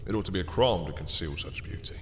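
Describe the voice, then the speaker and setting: A suave, menacing vampire lord acted by a man speaks in a very low voice with long reverb around it. He is courtly and possessive, drawing out his seductive phrases and slipping into breathy murmurs, as in a dark audio drama. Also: animated, fast. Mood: seductive, admiring. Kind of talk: scripted roleplay audio drama. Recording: long reverb, faint background noise.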